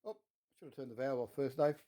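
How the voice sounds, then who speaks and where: Chatting to viewers as he works in his shed, a man delivers a relaxed workshop vlog with folksy, self-deprecating humor. He talks fairly quickly in a warm, medium-pitched voice.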